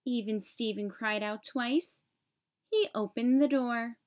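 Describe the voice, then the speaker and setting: Reading a picture book to young children, a woman tells the story expressively and slowly, her voice on the high side and her phrasing clear.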